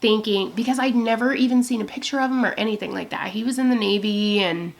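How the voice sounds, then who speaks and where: A woman's voice: on the high side, fast talker, vocal fry. A woman in her thirties rambling casually to her camera, telling a long personal story with lots of swearing and quoted asides. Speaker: beauty vlogger. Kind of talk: rambling get-ready-with-me chat.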